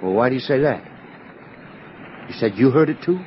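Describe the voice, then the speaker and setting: An actor playing a curious, concerned seafaring friend of a captain in an old radio drama. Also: male voice, mid-range voice, lively intonation, normal speed, lightly acted. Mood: uneasy, questioning. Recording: muffled, noisy old radio recording.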